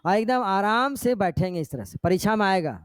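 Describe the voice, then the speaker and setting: A man's voice: sits high, lively intonation, a little fast, clean tone, no room sound, clean studio sound. A male teacher giving a classroom lecture, explaining step by step and often checking in with his students. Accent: Jharkhand Hindi.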